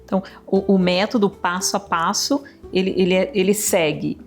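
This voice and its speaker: A woman's voice: medium pitch, fairly even intonation, moderate pace. Woman hosting an interview show, encouraging, little bits of music in the background. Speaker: program host.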